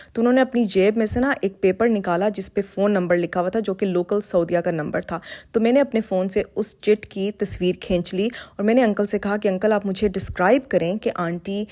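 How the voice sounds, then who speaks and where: A woman's voice: medium pitch, a little mellow. A middle-aged woman vlogger telling a personal story to her viewers in an earnest, heartfelt way, with English words mixed in.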